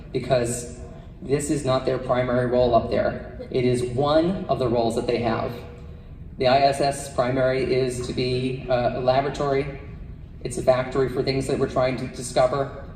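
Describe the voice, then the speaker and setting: A man addresses an assembly of students as a live presenter. His pitch stays fairly even, and his voice comes from some distance in a big echoey hall with faint noise. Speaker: school event presenter.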